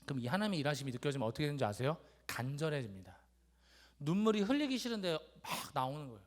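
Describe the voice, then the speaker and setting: A young man giving a church testimony, telling his story in a lively way and acting out his father's gruff lines. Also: on the high side, very fast. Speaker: youth speaker giving a testimony. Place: church sanctuary.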